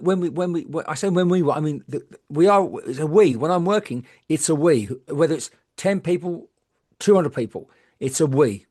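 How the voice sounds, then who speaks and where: A middle-aged woman, a medium, telling candid stories in lively chat, swearing freely and acting out the people she quotes. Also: low-pitched. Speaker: guest medium.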